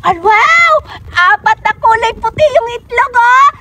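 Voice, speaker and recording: A woman voicing an excitable young girl in a cartoon who keeps exclaiming. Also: very high-pitched, unhurried, noisy background. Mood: excited. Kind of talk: cartoon voice acting.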